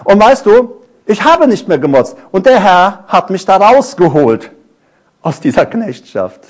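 A middle-aged man preaching a sermon, animated, asking his congregation question after question and telling stories from his own life. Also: sits high, a little slow. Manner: tells personal stories.

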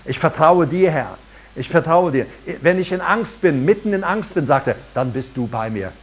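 A middle-aged man preaching a sermon as pastor, emphatic and lively, rising and dropping for effect. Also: fairly high pitch, moderate pace, breathy edge.

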